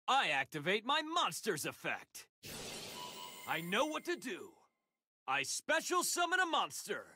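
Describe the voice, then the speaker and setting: A man's voice: high voice, wildly swooping pitch, bright, forceful tone, full character voice. A man voicing a determined, hopeful young hero duelist in an anime card game, earnest and emphatic. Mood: resolute. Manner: earnest, emphatic, slow deliberate battle declarations. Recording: game music behind the voice. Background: game music.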